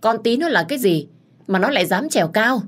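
A woman's voice: sits low, moderate pace, darkish tone. A woman voicing an older female household servant, polite to her mistress and harsh when scolding the young maid.

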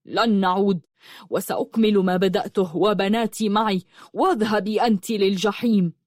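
A woman's voice: mid-range voice, fairly even intonation, normal speed, a little mellow, no echo, natural voice. A woman voicing a scornful, harsh husband who speaks in cutting, contemptuous lines, dry close sound. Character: scornful harsh husband and father, adult man.

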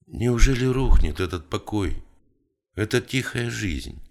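A man's voice: lowish voice, expressive, a little slow. A man reading an audiobook, voicing a gloomy middle-aged male writer who argues earnestly and pleads with his friend. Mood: pleading.

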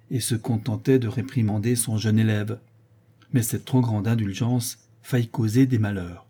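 A male audiobook narrator reads a classic novel in a steady, measured way. His voice is very dark and mellow, with a husky, breathy texture at a medium pitch. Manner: steady, measured literary reading. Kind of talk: scripted narration.

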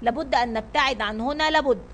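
Brave male sailor captain, commanding, shouting, storybook figure, woman reading, high voice. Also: quick pace, a little hiss or hum. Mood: urgent.

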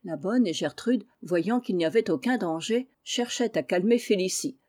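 A woman narrating a classic children's story at a measured pace. Her voice is mellow and soft-edged, sitting in a middle pitch with clear reading. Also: animated. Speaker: reader.

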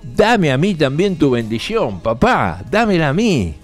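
A man's voice: on the low side, lively intonation, moderate pace, a little mellow, soft background music. A man voicing a desperate grown son begging his father for a blessing, in a raised, strained voice. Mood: pleading, bitter.

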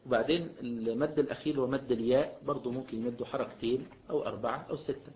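A man's voice: medium pitch, steady tone, very fast. A man with an Egyptian accent teaching a religious lesson as a sheikh, mixing classical and colloquial Arabic and often prompting listeners with a questioning "what?". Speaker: sheikh teaching Islamic jurisprudence. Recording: dull lo-fi lecture recording.

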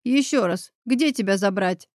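A woman voicing an anxious older man, a guilt-ridden father who pleads urgently in a hoarse voice, in a read-aloud audiobook. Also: medium pitch, unhurried, darkish tone, no echo, studio quality, close to an everyday voice. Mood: pleading.

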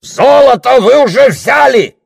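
Guy voicing a cocky armed village rascal yelling, high and lively, storybook style. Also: unhurried, vocal fry, slightly rough, no echo, studio quality, heavily acted. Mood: proud. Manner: loud proud shouting. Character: proud bold village man, armed rogue.

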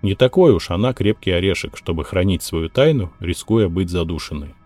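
A man narrating an audiobook in an even, measured storytelling manner. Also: low voice, dry recording, soft background music.

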